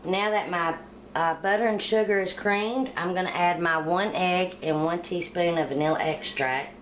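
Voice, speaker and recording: A middle-aged woman walks through a baking recipe in a homey, plain-spoken way, her voice sitting a little low. She talks casually in a home kitchen, picked up by the camera mic with a faint room hum behind her. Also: moderate pace. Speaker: home cooking channel host. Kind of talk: casual cooking demonstration voice-over.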